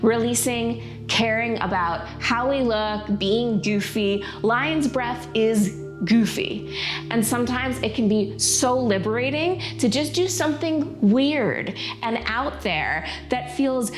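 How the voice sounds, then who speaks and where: A woman's voice: on the high side, slow, soft background music. A woman teaching prenatal yoga in an informal, encouraging and playful way, guiding listeners through breathing practice. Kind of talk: casual guided yoga instruction.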